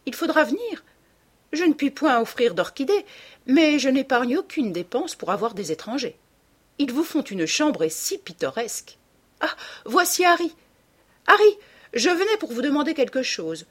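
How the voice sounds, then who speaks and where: A woman's voice: high-pitched, sing-song, moderate pace, slightly rough, voice pushed up, exaggerated voice. A woman reading an audiobook and voicing a flighty society lady who gushes and rambles. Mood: gushing. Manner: gushing, rambling, breathless chatter. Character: chattering flighty society lady, nervous laugh.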